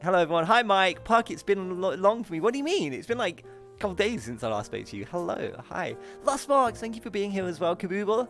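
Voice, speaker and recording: A man hosting a live stream, chatting casually and excitably with viewers and pronouncing his r's as w's. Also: sits high, quick pace, faint music behind. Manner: says w for r. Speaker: host of a live streamed show.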